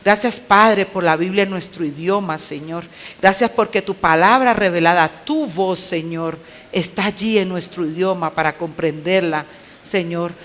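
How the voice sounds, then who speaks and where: Fairly low in pitch and slightly bright, this woman's voice moves at a moderate pace. Speaking at a women's conference with a Colombian accent, she preaches in a conversational way, clipped and emphatic, putting rhetorical questions to the audience.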